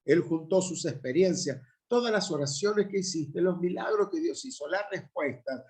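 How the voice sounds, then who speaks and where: A middle-aged Argentine pastor with an Argentine Spanish accent teaches a Bible institute class in a high, animated, slightly mellow voice at normal speed. He lectures emphatically and often checks in with listeners through tag questions.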